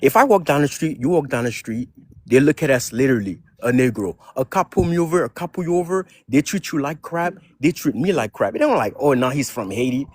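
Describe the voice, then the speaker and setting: A man's voice: medium pitch, lively intonation, a little fast, slightly rough. A man calling in to a stream and talking in an earnest, insistent way. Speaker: caller. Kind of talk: casual call-in talk.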